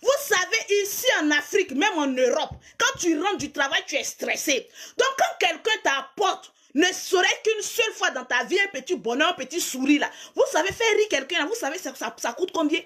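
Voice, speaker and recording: A young woman, ranting loudly and mockingly at her followers, often shouting and laughing. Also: very high-pitched, lively intonation, normal speed. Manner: loud, mocking, repeats catchphrase, shouts and laughs. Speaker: social media personality.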